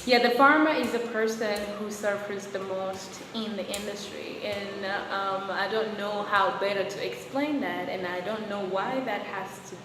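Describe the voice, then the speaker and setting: Soft-spoken young Rwandan woman, echoey room. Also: mid-range voice, fairly even intonation, moderate pace, few pauses. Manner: thoughtful, with many fillers and restarts. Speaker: guest, coffee quality controller and roaster. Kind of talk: interview answers. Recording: echoey room with loud background noise.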